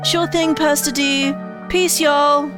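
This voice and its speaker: A woman's voice: sits high, steady tone, slow pace, over loud music, voice pushed up. A woman voicing a laid-back young male slacker with a lazy surfer-dude drawl and mock-grand phrasing.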